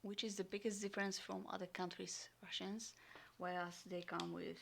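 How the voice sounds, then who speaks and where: A woman vlogger unboxing and reviewing a military ration in casual talk, full of ums and sometimes dropping into a soft whisper. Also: on the low side, little pitch movement, normal speed, creaky, slight background noise. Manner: chatty, frequent ums, drops into soft whispers. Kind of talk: casual unboxing and taste test.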